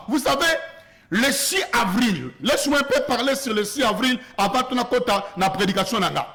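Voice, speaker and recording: A man's voice: extremely high pitch, a bit bright. A man with a Congolese French accent preaching an earnest sermon as a prophet, slipping Lingala phrases into his French and growing more emphatic as he goes. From Congo (DRC).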